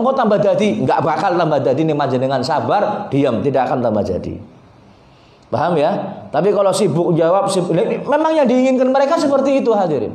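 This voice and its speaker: A preacher with a Tegal Javanese accent delivers an animated sermon in a high voice, slipping local dialect into his talk. The sound rings in an echoey prayer room.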